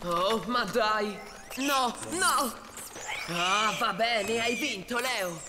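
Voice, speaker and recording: An actor voicing a timid, excitable young tiger cub in a children's cartoon dub, whiny and given to dramatic exclamations. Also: medium pitch, drawn-out words, noisy background. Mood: reluctant, alarmed. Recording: long cavernous reverb, music behind.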